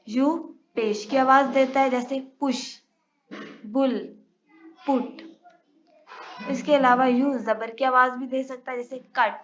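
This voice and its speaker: Slow, careful woman teaching a lesson. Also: fairly high pitch. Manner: slow, careful, spells out letters and sounds. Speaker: English teacher. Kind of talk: recorded lesson. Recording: dull lo-fi recording.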